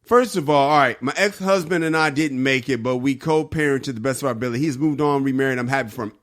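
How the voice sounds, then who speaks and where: A man's voice: mid-range voice, quick pace. A man co-hosting a podcast, ranting in a heated, profane way with his voice climbing. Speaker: podcast co-host. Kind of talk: casual podcast chat.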